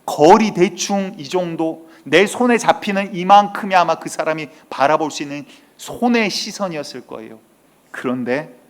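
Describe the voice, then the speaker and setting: A male senior pastor preaching a Sunday sermon with emphatic storytelling and rising outbursts. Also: fairly high pitch. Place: church sanctuary.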